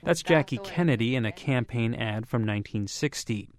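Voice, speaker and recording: A man's voice: medium pitch, animated, normal speed. A man reporting a scripted radio news feature in a wry, conversational way. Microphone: studio mic.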